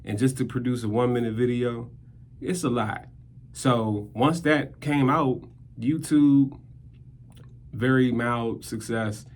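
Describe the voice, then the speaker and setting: A man's voice: mid-range voice, steady tone, slow. A man, a skit creator and rapper, telling a casual story in a laid-back, slangy way. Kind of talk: casual talking-head storytelling.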